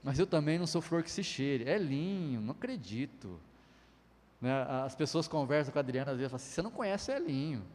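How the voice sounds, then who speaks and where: A man's voice: a little high, expressive, fast, a little mellow. A middle-aged man preaching a sermon in a chatty way, firing rhetorical questions and tagging lines with 'né'. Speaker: pastor. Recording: long hall reverb.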